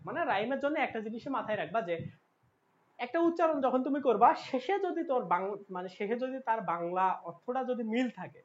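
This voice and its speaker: A woman with a Bangladeshi Bengali accent runs an online admission-test lesson, her pitch rising and falling a lot. She repeats key points and keeps checking in with her students. The audio is dull and lo-fi, like a streamed class. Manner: repetitive, checks in often with "okay?". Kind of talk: online exam-prep lecture.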